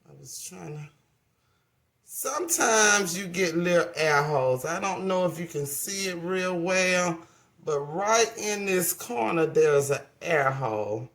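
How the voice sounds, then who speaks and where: A woman's voice: lowish voice, expressive, unhurried. Chatty woman teaching crafts in an echoey room. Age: 40s. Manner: chatty, folksy, often corrects herself mid-sentence. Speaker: craft channel owner. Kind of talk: casual hands-on craft tutorial. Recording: roomy echo.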